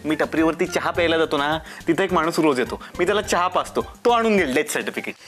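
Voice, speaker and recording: A man's voice: a little high, animated, quick pace, a bit bright, faint music behind. A man playing a carefree, reassuring character in a comic sketch, often laughing.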